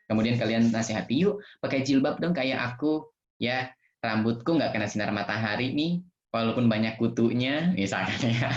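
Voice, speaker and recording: Gentle man teaching kids on a video call. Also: mid-range voice. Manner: gentle, patient, speaks to kids with playful examples. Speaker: children's religious teacher. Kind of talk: online Q&A lesson for children. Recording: roomy, dull video-call audio.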